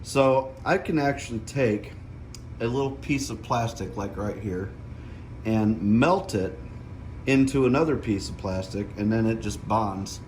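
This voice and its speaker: Speaking a little slowly in a low, darkish voice, a middle-aged DIY vlogger explains each step of his tutorial and regularly asks "okay?" There's slight background noise.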